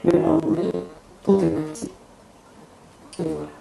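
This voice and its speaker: A woman's voice: low-pitched, steady tone, creaky, roomy sound, music in the background. A singer, giving a solemn, devotional testimony in an interview at her home. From Côte d'Ivoire. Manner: slow, solemn, devotional phrasing. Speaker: gospel singer, interview guest.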